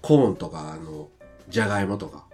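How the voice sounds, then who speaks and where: A man's voice: low voice, expressive, brisk, darkish tone, faint music behind. A man with a Kansai Japanese accent co-hosting a casual podcast, teasing his partner and laughing easily. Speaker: podcast co-host. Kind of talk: casual chat.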